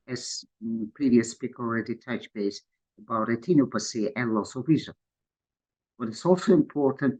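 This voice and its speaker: Man giving a halting webinar talk. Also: mid-range voice, poor audio. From Georgia. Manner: halting non-native English with frequent fillers. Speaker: conference speaker, endocrinologist. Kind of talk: webinar presentation. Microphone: video call.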